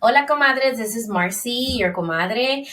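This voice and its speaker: A woman's voice: a little high, normal speed, fairly bright tone, far from the mic, soft background music, rough recording. A middle-aged woman hosting her solo podcast in an upbeat, chatty way, with plenty of ums and uhs. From Dominican Republic. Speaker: podcast host. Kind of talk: casual solo podcast monologue.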